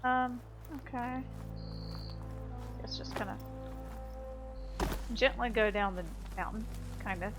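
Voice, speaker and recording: Talking to herself and the game with playful exclamations, this female streamer gives laid-back gameplay commentary. She speaks a little high and slowly, pausing often, while game music and sound effects run in the background.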